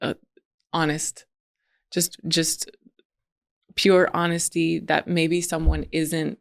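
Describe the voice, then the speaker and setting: A woman's voice: low voice, flat delivery, slow pace, gravelly. A woman co-hosting a podcast in casual chat, who restarts her sentences often and laughs between phrases. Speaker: podcast co-host.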